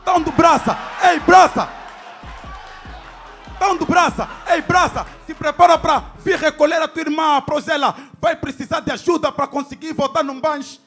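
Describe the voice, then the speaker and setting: A man's voice: very high-pitched, moderate pace, a bit bright, shouting, faint music behind, a faint crowd. A man with an Angolan Portuguese accent delivering boastful, half-sung battle rap verses on a club stage. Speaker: battle rapper. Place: indoor club stage with a crowd.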